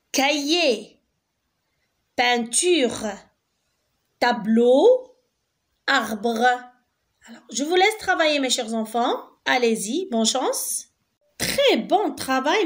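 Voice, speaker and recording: A woman teacher giving a lesson to young children, gentle and patient, repeating each word slowly and clearly. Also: sits high. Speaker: primary school teacher. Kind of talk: slow, patient classroom lesson.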